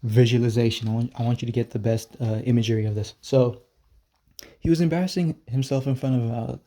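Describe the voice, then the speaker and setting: A man telling a story to the camera in a casual vlog, rambling and halting, repeating words and swearing casually. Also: medium pitch, fairly even intonation, warm tone.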